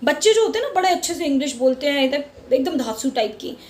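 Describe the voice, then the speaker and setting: On her casual opinion vlog, a middle-aged channel host from Mumbai talks with fervor, switching between Hindi and English words and repeating herself for emphasis. Her voice sits high yet has a darkish tone, and she speaks in a fast, animated way.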